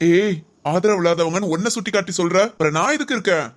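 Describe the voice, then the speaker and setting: A woman's voice: fairly low pitch, quick pace, close to an everyday voice. A woman playing a caring young husband. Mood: reassuring. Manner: scolding yet affectionate, reassuring. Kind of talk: Tamil family audio drama.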